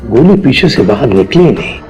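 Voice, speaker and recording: An actor playing a police investigator examining a body, speaking in a measured, deliberating way. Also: male voice, medium pitch, very animated, a little mellow, faint music behind, close to an everyday voice. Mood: thoughtful. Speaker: investigating officer. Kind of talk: TV crime drama acting.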